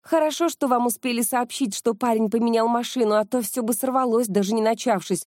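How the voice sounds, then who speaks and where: A woman reading the part of a bold, quick-witted young woman in an audiobook. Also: fairly high pitch, darkish tone, no room sound, clean studio sound, pitched above the performer's own voice, lightly acted. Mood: brisk.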